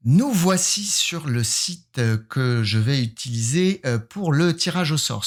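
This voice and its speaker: A man from France hosts a casual photography vlog. He talks in a playful, self-mocking way, often hesitating with fillers. His voice sits at a middle pitch for a man. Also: a bit bright. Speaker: photographer running a giveaway.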